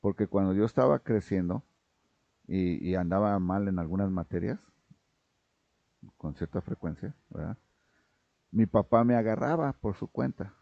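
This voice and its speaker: A man's voice: low-pitched, moderate pace, gravelly, pauses often, dry recording. A man preaching a sermon as pastor, speaking emphatically and often checking in with his listeners. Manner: raises his voice when reading scripture aloud. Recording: dull lo-fi recording, dry.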